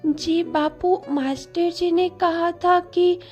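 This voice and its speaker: A woman's voice: very high-pitched, fairly even intonation, slow pace, a little mellow, faint music behind, pitched above the performer's own voice. A woman voicing a frightened, tearful teenage village girl who pleads to keep studying. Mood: pleading. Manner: trembling, pleading.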